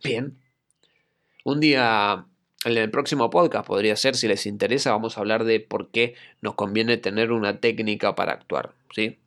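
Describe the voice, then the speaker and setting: A man's voice: lowish voice, fairly even intonation, normal speed. A man with an Argentine Spanish accent hosting a solo podcast, telling a reflective personal anecdote in a conversational way. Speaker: podcast host and acting coach.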